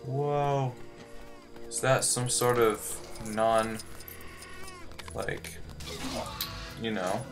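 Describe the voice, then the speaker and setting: A man's voice: medium pitch, extremely slow, long pauses. A man hosting a gaming video with casual, rambling commentary and joking asides. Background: game music.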